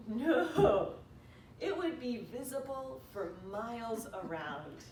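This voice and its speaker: This is a eulogy reader, a woman sharing her prepared remarks in a narrative style. Her voice bounces around the room, the microphone is distant, and there's a noisy rumble.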